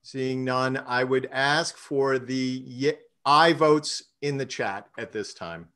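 A man's voice: medium pitch, fairly bright tone. Hesitant man presenting a budget. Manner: measured, with frequent uh fillers and restarts. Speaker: treasurer and finance committee chair. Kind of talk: presenting a budget at an online council meeting.

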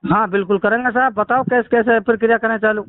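This man calls to complain, speaking fast in a high, steady voice with a Mewati accent from Mewat, India. He rambles through his grievance in an aggrieved tone, cursing at times, and the phone recording is tinny and narrow-band.

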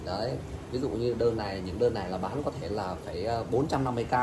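A man's voice: on the low side, quick pace. A man from Vietnam selling plants in an insistent, repetitive hard-sell style, plugging prices over and over. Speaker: orchid seller. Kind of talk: hard-sell live sales pitch. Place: open-sided plant nursery yard. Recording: noisy outdoor phone-style video, ambient noise.

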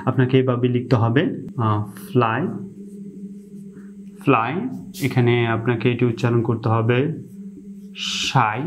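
A man with a Bangladeshi accent teaches English pronunciation to an online audience. He talks at a measured, mid-pitched level, often pausing with "ah" and saying example words two or three times, slowly and deliberately. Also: darkish tone, a little hiss or hum. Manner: repetitive, fills pauses with "ah", repeats example words slowly. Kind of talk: explanatory online lesson.

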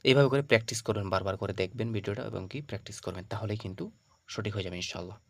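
A man teaching the Arabic alphabet for Quran reading. He calls out each letter loud and drawn out, then explains it softly, checking in with his listeners after every point. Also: lowish voice, racing, no echo. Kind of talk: Arabic alphabet pronunciation lesson.

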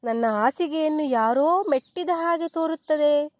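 A woman voicing a big bear who shouts out loud, booming exclamations in a storybook reading. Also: normal speed, dry recording, natural voice. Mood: roaring. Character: big bear, gruff and roaring.

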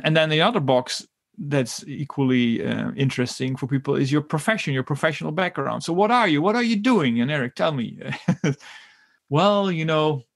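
A man's voice: mid-range voice, vocal fry, fairly bright tone. A middle-aged man raised in the Netherlands and Germany, speaking as a podcast guest in a thoughtful, hesitant way with many fillers and restarts. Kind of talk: conversational interview.

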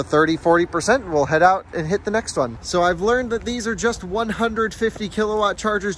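A young man with a slightly high voice talks eagerly to his phone camera, filming himself outdoors at night. Faint traffic and car noise hum in the background of this casual vlog. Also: fairly bright tone. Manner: enthusiastic, thinking aloud. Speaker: car channel host. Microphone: phone camera at arm's length.

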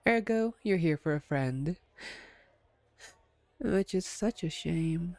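In an ASMR roleplay, a woman voices a playful, smug, flirtatious female vampire who has taken someone captive. Her lowish, darkish voice is animated, teasing and wry, chatty yet unhurried. The recording has no echo.

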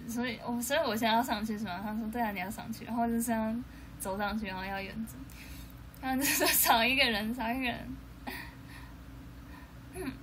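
A young woman with a Taiwanese Mandarin accent chatting casually on a livestream, telling a story and acting out what people said. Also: on the high side. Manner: chatty storytelling, acting out her own quotes. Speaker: idol livestreamer. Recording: noisy livestream audio.

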